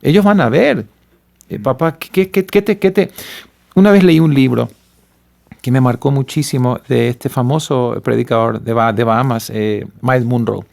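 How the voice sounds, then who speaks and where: A man's voice: medium pitch, moderate pace, gravelly. A middle-aged man with a Paraguayan accent, a pastor and father telling stories earnestly in conversation. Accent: Paraguayan Spanish. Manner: earnest, animated storytelling. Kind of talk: conversational testimony.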